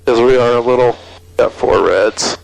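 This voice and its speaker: A man coaching as a flight instructor over a cockpit intercom, giving calm, reassuring instructions through an aviation headset. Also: mid-range voice, normal speed, creaky, no room sound, poor audio. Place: small aircraft cockpit in flight. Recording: intercom radio audio with aircraft cabin noise.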